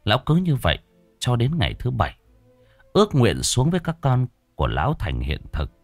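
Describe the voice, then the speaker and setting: A man narrating a village ghost story in a slow, dramatic, folksy way. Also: medium pitch, wildly swooping pitch, no room sound, soft background music. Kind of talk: spoken horror story narration.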